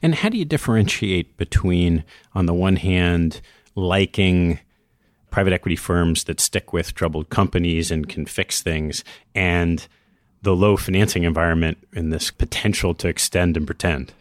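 A man's voice: deep voice, normal speed, dry recording, studio quality. A man interviewing a guest about finance, putting considered, analytical questions.

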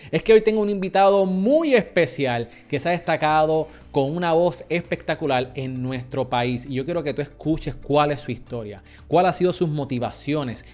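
A man with a Puerto Rican accent hosting a podcast, talking to his listeners in an upbeat, energetic way. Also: a little high. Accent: Puerto Rican Spanish. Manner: upbeat, addresses listeners as "mi gente". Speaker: podcast host. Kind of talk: energetic podcast intro and interview.

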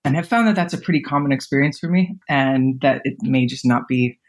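With a rumbling low voice and a fairly quick pace, a woman in her thirties shares personal stories as a guest on a podcast. The interview is casual, peppered with fillers and laughter.

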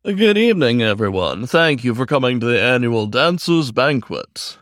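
A man's voice: mid-range voice, sing-song, normal speed, a bit bright, no room sound, clean studio sound. A man voicing a male aardvark hosting an awards banquet, with a droning, formal announcer delivery. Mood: formal announcing.

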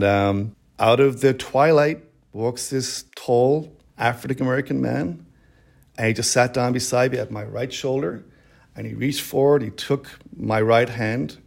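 A middle-aged man telling a personal story in an emotional, halting way, with many restarts. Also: medium pitch, creaky. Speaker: storyteller guest. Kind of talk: personal story told in interview. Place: quiet room.

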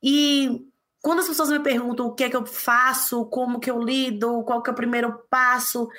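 A woman from the interior of Bahia, speaking as a guest in an interview in an emphatic, passionate way with big pitch jumps. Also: level tone, normal speed, a bit bright. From interior of Bahia, Brazil. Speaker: guest, parenting author. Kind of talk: conversational interview.

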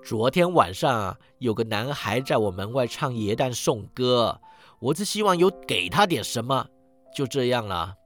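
A man voicing an old male miser who cries out in excitement with drawn-out exclamations, in a told story. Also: mid-range voice, soft background music, lightly acted. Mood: sorrowful. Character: old miser man, giddy with childhood memories. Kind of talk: storytelling narration.

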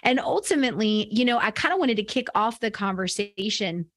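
A woman's voice: mid-range voice, lively intonation, brisk, fairly bright tone. An upbeat woman co-hosting a podcast with a mid-range voice. She asks long, winding questions full of fillers. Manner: upbeat, interviewer framing questions, many fillers. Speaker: podcast co-host. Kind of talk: casual podcast conversation.

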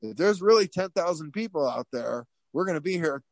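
A man telling a story in a casual interview, swearing freely and circling back with lots of fillers. His voice sits a bit high for a man, and it sounds dry and close, with no room around it. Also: fairly quick, no room sound. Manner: animated, profane, many fillers and restarts. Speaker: interview guest.

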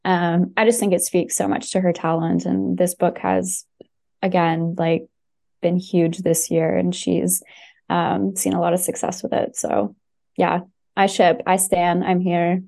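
Recommending books as a podcast guest, a woman chats with casual enthusiasm, often restarting and using fillers. She has a fairly low, dark voice with vocal fry, a level tone, and a measured pace.

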